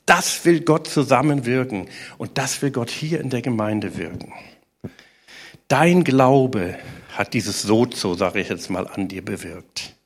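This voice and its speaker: A man preaching a sermon to a congregation, animated and asking rhetorical questions. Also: medium pitch, husky.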